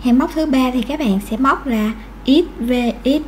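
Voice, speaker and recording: A high-pitched woman talks through a crochet tutorial. She is patient and counts each stitch aloud. A faint hiss sits behind her voice. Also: moderate pace, a little mellow. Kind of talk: step-by-step crochet instruction.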